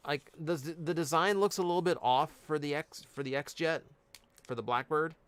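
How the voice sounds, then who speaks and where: A man's voice: a little high, fairly even intonation, moderate pace, fairly bright tone, smooth, dry recording. A man chatting casually on a live stream, reading out cards and answering chat. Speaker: streamer opening card packs.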